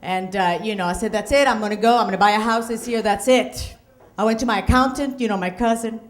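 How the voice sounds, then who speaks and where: A woman's voice: medium pitch, steady tone, fast talker. A middle-aged woman from Puerto Rico with a Puerto Rican accent performing a stand-up comedy set, with punchy delivery and Spanish asides. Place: comedy club stage.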